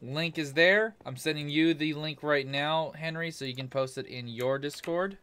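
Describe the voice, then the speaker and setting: A young man hosts a casual gaming live stream, talking loosely and joking around. His voice sits a little high, and he swears freely at his friends. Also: moderate pace, sharp tone, clear, resonant tone. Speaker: streamer host.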